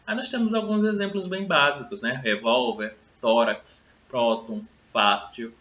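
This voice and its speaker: Friendly teacher in a roomy space. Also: male voice, mid-range voice, measured pace, sharp tone. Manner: friendly, explanatory, frequent tag questions. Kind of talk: recorded grammar lesson for students. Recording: roomy, slightly dull sound.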